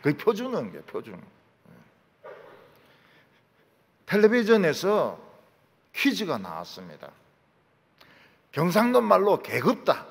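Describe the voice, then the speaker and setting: A man from Busan with a Gyeongsang accent, preaching a sermon and acting out dialect lines in lively storytelling. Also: sits high, slow, vocal fry, long pauses, slightly rough. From Busan, South Korea. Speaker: pastor. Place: large church sanctuary. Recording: long church hall reverb.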